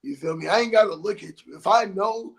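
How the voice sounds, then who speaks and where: A young man co-hosting a podcast, telling a story in a casual, animated way with slang and bursts of laughter. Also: sits high, a little fast, vocal fry, rough recording. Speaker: podcast co-host.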